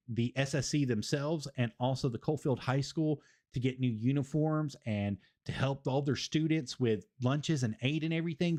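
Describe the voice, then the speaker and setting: A man's voice: mid-range voice, a little mellow. A man, hosting a casual wrestling review stream and rambling, repeating phrases for emphasis. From Tennessee, US. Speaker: stream host.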